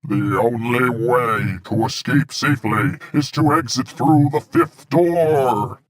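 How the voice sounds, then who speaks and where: Creepy disembodied voice, put on by a man, low and very slow, eerie. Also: natural voice. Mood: ominous.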